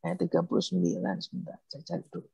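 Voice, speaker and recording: A young woman giving a casual online sermon to a youth group over a video call, telling the story in a lively way and acting out the dialogue. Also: lowish voice, fast talker, gravelly, husky, no room sound. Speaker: youth fellowship speaker.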